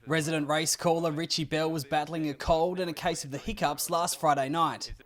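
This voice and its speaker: A man reporting, reading a scripted news narration in a measured way. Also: on the high side, fairly even intonation, a bit bright. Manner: measured storytelling delivery.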